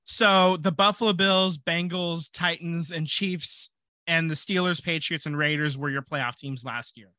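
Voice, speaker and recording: Bright-voiced man chatting about sports. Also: on the high side, measured pace, no room sound, studio quality. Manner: thinks aloud with fillers and restarts. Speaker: podcast co-host. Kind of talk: casual sports chat.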